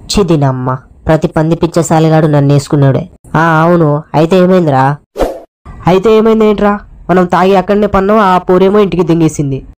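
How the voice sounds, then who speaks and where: A woman's voice: lowish voice, brisk, a little mellow, slight background noise, natural voice, poor audio. A woman voicing a cheeky young man with a Telangana accent who banters crudely with friends and wheedles his father for money. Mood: bantering. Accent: Telangana Telugu.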